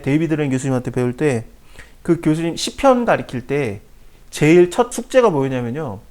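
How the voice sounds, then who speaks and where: A man leading a Bible study, talking casually and acting out quoted prayers with feeling. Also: on the high side. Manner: animated, laughs while telling stories, acts out quoted prayers. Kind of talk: casual Bible teaching talk.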